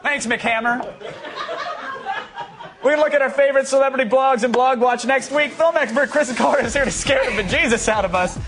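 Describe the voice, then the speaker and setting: A man's voice: very high voice, fast talker, hardly any pauses. A young man co-hosting a TV studio show, reading links and throwing in teasing, jokey banter. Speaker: TV show co-host. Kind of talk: teleprompter links and joking banter. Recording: music behind the voice.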